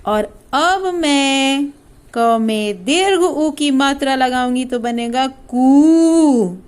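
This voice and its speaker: A woman teacher with a Bihari Hindi accent gives a primary school lesson on the Hindi alphabet. She sounds out each letter slowly and asks the children questions, then answers them herself. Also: sits high, darkish tone. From India.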